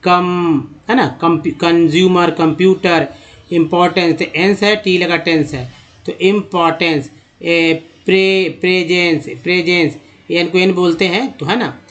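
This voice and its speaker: Man, high-pitched, English reading lesson, slow and repetitive, sounds out word parts. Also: fairly even intonation, a bit bright, highs cut off. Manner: breaks words into parts, repeats each sound slowly. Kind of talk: screen-share lesson, slow spelled-out explanation.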